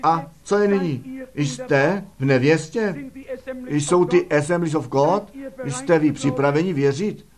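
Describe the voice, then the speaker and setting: A man's voice: fairly high pitch, a crowd in the background. A man preaching a sermon fervently, firing rhetorical questions at the congregation.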